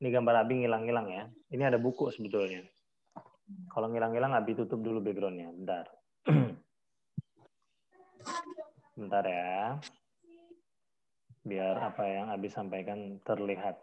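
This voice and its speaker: Indonesian-accented male teacher, throat clearing. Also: fairly low pitch, steady tone, highs cut off. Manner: slow, deliberate English phrases amid Indonesian explanation. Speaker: English teacher. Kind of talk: online class lesson.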